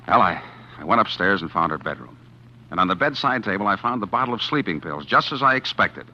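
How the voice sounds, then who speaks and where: In a 1940s radio drama, an actor with a low, expressive voice plays a calculating man narrating in first person his plan to poison his wife. He speaks briskly, hard-boiled and confiding, with nervous stammers and a brooding mood. The dull 1940s recording has music running underneath.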